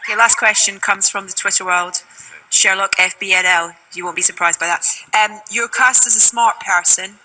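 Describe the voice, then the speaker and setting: An interviewer asking friendly, quick questions on a premiere red carpet and chiming in with short remarks. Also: medium pitch, fairly even intonation, pushed and bright, soft background music, low-quality recording.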